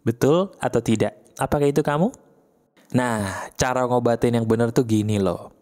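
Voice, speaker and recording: Animated man coaching the listener. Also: normal speed. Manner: animated, fires rhetorical questions at the listener; acts out the listener's objections in a higher voice. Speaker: motivational speaker. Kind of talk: casual motivational monologue.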